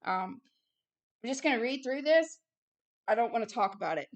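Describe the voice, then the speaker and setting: In this religious video, a female host reads from a book and preaches over it with fervor, pressing her points through short, repeated phrases. Her voice sits fairly high and sounds animated at a normal speed, though the recording cuts off the highs.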